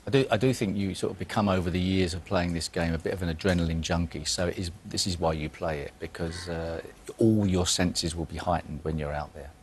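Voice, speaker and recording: A man's voice: low-pitched, steady tone, a little fast, hardly any pauses, a little hiss or hum. A man giving conversational analysis as a snooker pundit. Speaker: studio pundit.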